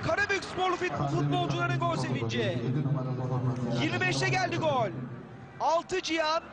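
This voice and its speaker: Male football commentator, screaming excited calls, very high voice, heavy stadium noise. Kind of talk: live football match commentary. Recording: very noisy stadium broadcast.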